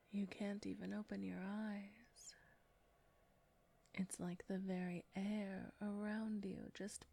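A woman voicing a seductive, predatory female succubus in an audio roleplay, speaking in a breathy whisper with a slow, taunting manner. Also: medium pitch, mellow, full character voice. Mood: hushed seductive. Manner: slow, taunting, close to the ear.

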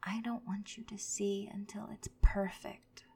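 A woman's voice: medium pitch, little pitch movement, a little slow, gravelly, noisy background. A woman voicing a vindictive jilted ex-girlfriend in an audio roleplay, often whispering as she gloats. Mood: taunting.

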